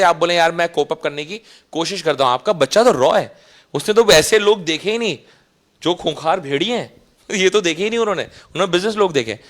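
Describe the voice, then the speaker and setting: A man's voice: sits high, fairly bright tone. A man with a Pakistani Urdu accent, giving a casual, anecdotal talk to students and often checking 'right?'. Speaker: invited speaker.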